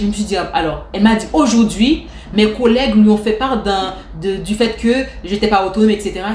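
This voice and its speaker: Chatty woman telling a story. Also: medium pitch. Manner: lively retelling with restarts and acted quotes. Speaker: vlogger. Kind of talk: casual storytime. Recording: echoey room, faint noise.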